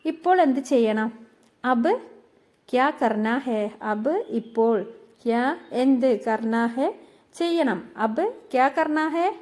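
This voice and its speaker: Slow, mellow-voiced woman teaching phrases. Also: sits high, animated. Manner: repeats each phrase slowly, then explains it. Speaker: language teacher. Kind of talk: slow spoken-language lesson.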